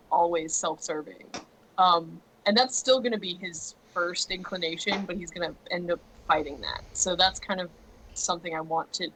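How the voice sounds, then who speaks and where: A woman talking casually about her tabletop character, soft-spoken and trailing off with fillers. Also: on the low side, husky, rough recording. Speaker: tabletop player.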